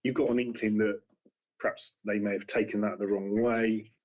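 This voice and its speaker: Husky man questioning at a hearing. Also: on the low side, little pitch movement, normal speed. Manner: searching, restarts questions. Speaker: committee member. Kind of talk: formal questioning. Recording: dull lo-fi meeting room audio.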